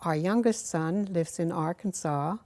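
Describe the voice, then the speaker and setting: An older woman from Germany answers slowly and haltingly, often stopping on small fillers. Her voice is low, mellow and gravelly. She sits in a quiet studio with a lapel mic. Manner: hesitant, halting, many fillers. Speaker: interview guest, officer's wife. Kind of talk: interview answers. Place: studio with dark backdrop.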